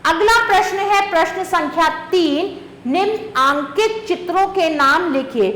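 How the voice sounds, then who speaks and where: A woman teacher slowly reading a lesson aloud to young children, stretching each word and asking questions. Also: very high-pitched, fairly bright tone. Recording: echoey room.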